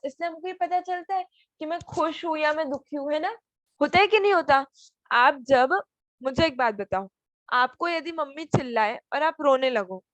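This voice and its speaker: A woman's voice: sits high, no room sound, highs cut off. A woman teaching an online class for children, patiently asking them questions over a video call. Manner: patient, asks many questions.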